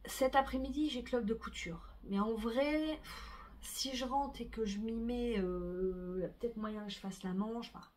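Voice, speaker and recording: A woman's voice: a little high, moderate pace, darkish tone. A middle-aged woman, chatting casually about her sewing and knitting projects, full of fillers and restarts. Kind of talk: casual chat to camera.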